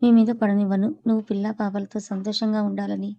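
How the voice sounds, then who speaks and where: A woman's voice: mid-range voice, little pitch movement, quick pace, creaky, dark tone, highs cut off, lightly acted. A woman voicing a remorseful middle-aged mother who pleads and apologizes to her family.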